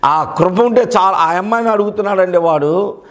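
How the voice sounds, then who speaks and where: A preacher voicing a wry church elder. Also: male voice, high voice, normal speed. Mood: knowing.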